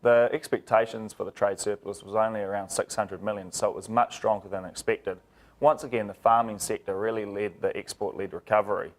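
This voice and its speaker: A man presents a scripted financial market report like a news anchor, in a formal, measured and informative way. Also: lowish voice.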